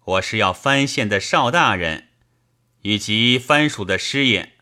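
Angry messenger officer, voiced by a male narrator, blunt, demanding, low voice. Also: lively intonation, measured pace, pushed and bright, full character voice.

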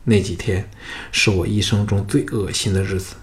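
Man softly voicing a vengeful noblewoman. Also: on the low side, fairly even intonation, normal speed, close to an everyday voice. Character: scheming, vengeful young noblewoman, coquettish.

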